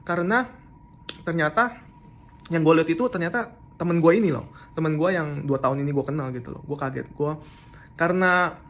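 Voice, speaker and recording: A man's voice: a little high, fairly quick, long pauses, fairly bright tone. A young man casually recounting something that happened to him, in slangy speech with frequent restarts and English words mixed in. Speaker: storyteller recounting an assault. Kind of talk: casual first-person storytelling.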